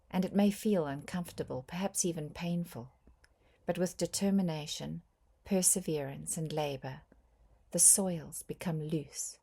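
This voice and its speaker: A woman with a deep voice reads a scripted guided meditation softly and breathily, her phrasing gentle and measured with frequent pauses.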